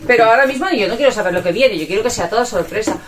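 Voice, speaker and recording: A middle-aged Spanish woman vlogging at home, talking in a rambling, chatty way and tacking little questions onto the ends of her sentences. Her voice sits a bit high and swings widely in pitch. Faint clicks can be heard behind her. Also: lively intonation, very fast, a little hiss or hum. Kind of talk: casual chat to viewers.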